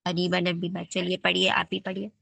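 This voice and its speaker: A woman's voice: lowish voice, monotone, moderate pace, creaky, sharp tone, no echo. A woman teaching children Quran pronunciation in an online class, patient and often checking that they understand.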